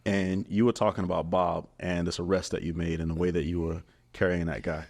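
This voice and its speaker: Man, podcast host, low voice, earnest, reflective, casual interview. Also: level tone, fairly quick, creaky, darkish tone. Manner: earnest, reflective, calls the guest brother.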